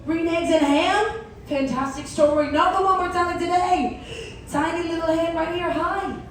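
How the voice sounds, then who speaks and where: A very high-pitched female voice rings through a heavily echoing theatre. She hosts a children's story time on stage, animatedly addressing the young audience with prompts and questions. The recording sounds distant, with faint noise. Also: steady tone, normal speed. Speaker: cruise director hosting a story time. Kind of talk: interactive children's stage hosting. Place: indoor theatre on a cruise ship.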